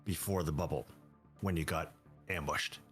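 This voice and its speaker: A man's voice: a bass voice, fairly even intonation, a bit bright, soft background music. A man running a tabletop role-playing game as game master, talking casually with many fillers and restarts. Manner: casual, halting, full of fillers.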